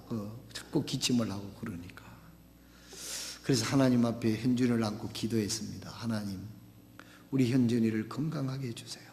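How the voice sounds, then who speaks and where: A male pastor, preaching a sermon in a church, with emphatic swings between loud exhortation and soft asides. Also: mid-range voice, creaky, a little hiss or hum. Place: church sanctuary. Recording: echoey church hall.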